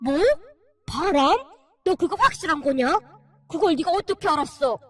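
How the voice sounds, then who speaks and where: A woman voicing an angry older father-in-law who shouts and demands answers, over faint music. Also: high voice, animated, normal speed.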